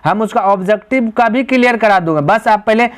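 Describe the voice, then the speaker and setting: A man's voice: sits high, brisk. A man teaching a grammar lesson. He explains step by step, asks the students rhetorical questions and answers them himself, and calls them "my brother.".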